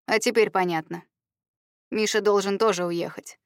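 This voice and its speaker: A woman's voice: mid-range voice, steady tone, normal speed, smooth, no echo, studio quality, close to an everyday voice. A woman voicing a firm, commanding woman who gives short orders, in a memoir reading.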